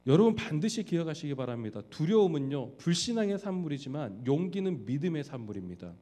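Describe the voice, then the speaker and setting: A man preaching a sermon as pastor, animated and addressing the congregation with frequent rhetorical questions. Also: on the high side, quick pace.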